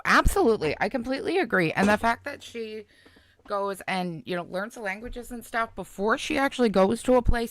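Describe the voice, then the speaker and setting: Reacting to a clip on her livestream, this woman keeps up casual, responsive chat with her viewers. She has a mid-range, fairly bright voice with vocal fry, recorded with clean studio sound and no room echo.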